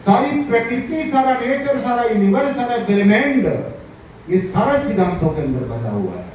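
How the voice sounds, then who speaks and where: High-voiced man preaching in an echoey hall. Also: sing-song, moderate pace, darkish tone, slight background noise. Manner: emphatic, repeats key phrases, rhetorical questions. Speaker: spiritual teacher. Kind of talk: devotional sermon. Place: ashram hall. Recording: echoey hall, distant mic, dull lo-fi sound.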